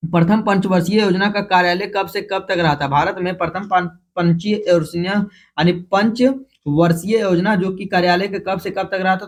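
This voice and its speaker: A man with a Jharkhand Hindi accent teaching exam prep, rushing through multiple-choice questions, repeating each one and correcting himself as he goes. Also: high-pitched. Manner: repeats each question, then announces the option letter; hurried, with frequent restarts and self-corrections. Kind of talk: quick-fire multiple-choice quiz review.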